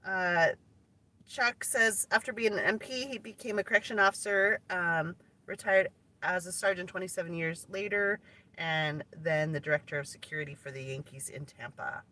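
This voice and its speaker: A woman's voice: on the low side, fairly even intonation, moderate pace, bright, forceful tone. A woman co-hosting a live stream from a truck, reading out viewer comments and greeting viewers in an upbeat way. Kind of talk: casual live-stream chat. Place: inside a truck.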